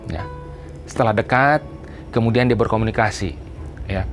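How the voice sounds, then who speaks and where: A man's voice: fairly low pitch, moderate pace. Emphatic preaching man, faint music. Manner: emphatic, builds to loud repeated cries; addresses the congregation directly, casual asides. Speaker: pastor. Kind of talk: sermon. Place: church service.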